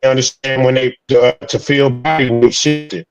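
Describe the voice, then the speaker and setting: A man's voice: mid-range voice, steady tone, moderate pace, soft background music. A man in a laid-back, chatty conversation over a video call, his voice breaking up on a bad internet connection. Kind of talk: casual chat. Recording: muffled, glitchy video call audio.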